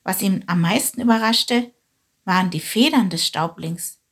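A woman calmly narrating a children's storybook. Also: medium pitch, moderate pace, slightly rough.

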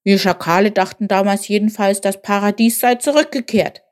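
A woman's voice: mid-range voice, normal speed, lightly acted. A woman voicing a small, clever male jackal who tells tales in a knowing, slightly scornful way. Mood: wistful. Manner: knowing, leisurely storyteller.

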